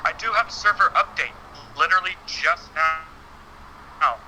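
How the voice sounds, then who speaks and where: Male podcast guest calling in on speakerphone, halting delivery with fillers, slightly high and very bright. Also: slight background noise, poor audio. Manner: hesitant, halting, many fillers and restarts. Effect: heard over a phone on speakerphone. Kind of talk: casual chat about wrestling games.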